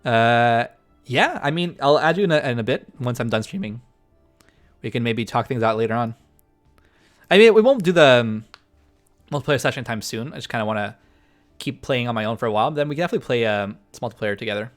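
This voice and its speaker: A man live-streaming a strategy game, thinking out loud in a rambling, filler-heavy way. His voice sits at an ordinary middle pitch for a man. Faint music plays underneath. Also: quick pace. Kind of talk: casual live-stream chat.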